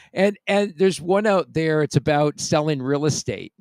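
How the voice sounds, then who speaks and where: A man's voice: on the high side, expressive, a little slow, no echo. A man hosting a casual podcast chat, reading out listener comments and chuckling often, close to the mic. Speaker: podcast host.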